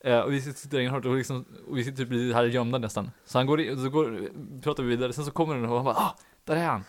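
A man's voice: medium pitch, fairly even intonation. A young man hosting a podcast, casually telling a long anecdote in a rambling way, full of fillers and laughing at his own story. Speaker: podcast host.

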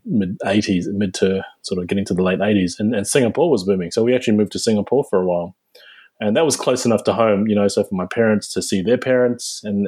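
Fairly low-pitched and a little mellow, with a breathy edge, the voice belongs to a New Zealand dentist in his forties appearing as an interview guest. He pauses to reflect and keeps restarting his answers.

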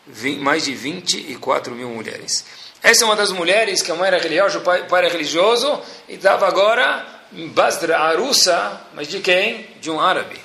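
A man's voice: on the high side, creaky. A man giving a storytelling religious lesson, acting out the voices in the stories he tells. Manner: animated storyteller acting out quotes. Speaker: religious teacher.

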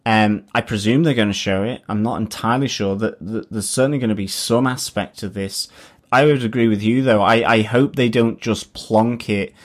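Male co-host, lowish voice, halting, thinks aloud. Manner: hesitant, restarts often, thoughtful. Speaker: podcast co-host. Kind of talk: casual chat.

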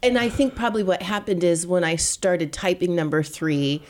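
A woman's voice: on the low side, steady tone, normal speed. Giggly self-deprecating woman co-host. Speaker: podcast co-host. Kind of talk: casual chat about marriage.

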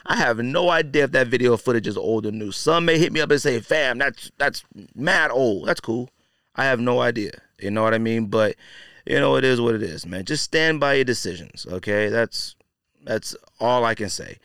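In a clear, resonant, fairly bright voice of medium pitch, a man hosting a podcast riffs casually on his opinions at a moderate pace. He's conversational and blunt, leaning on slang, repetition, and lots of "you know" and "man," and the recording is clean studio sound without echo.

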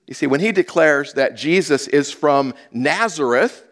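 A man preaching a teaching sermon, moving between loud emphasis and hushed asides. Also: fairly high pitch, lively intonation, a little slow. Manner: teaching verse by verse, dramatic swings from loud to hushed. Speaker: pastor.

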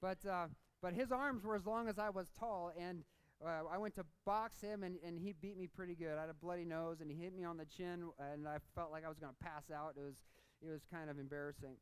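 High-voiced impassioned male preacher. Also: steady tone, brisk, smooth, poor audio. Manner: impassioned preaching that turns into casual storytelling; repeats phrases for emphasis, rising and dropping in force. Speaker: pastor. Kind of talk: sermon.

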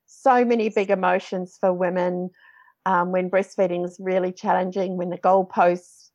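A woman's voice: lowish voice, little pitch movement, moderate pace, darkish tone. A woman hosting a podcast interview in a chatty, informal, encouraging way, on slightly lo-fi audio. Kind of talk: casual conversational interview.

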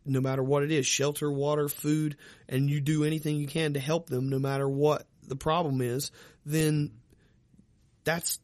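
A man's voice: on the high side, little pitch movement, normal speed, darkish tone, dry recording. A man in casual profane chat, rambling with lots of fillers and swearing.

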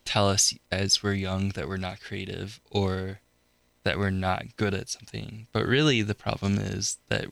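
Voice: sits low, flat delivery, a little slow, vocal fry, fairly bright tone, no echo. A young adult co-hosting a college radio podcast in casual chat, laid-back with dry quips. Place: radio studio.

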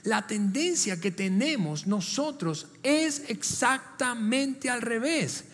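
A man's voice: very high voice, very animated, takes it slowly, fairly bright tone, in a large hall. A man preaching a sermon as pastor, speaking conversationally, asking the congregation direct questions and often repeating and restarting words.

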